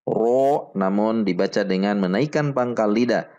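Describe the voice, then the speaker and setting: A man teaching Quran recitation rules step by step, slowly repeating each syllable for drill. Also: a little mellow, dull audio. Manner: chants the Arabic verses in a higher, fuller voice. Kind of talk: slow step-by-step tajwid lesson.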